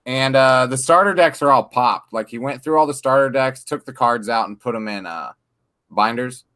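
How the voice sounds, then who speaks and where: A man co-hosting a podcast, joking around and getting excited in casual chat. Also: medium pitch, normal speed. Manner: jokey, excitable, laughing. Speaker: podcast co-host.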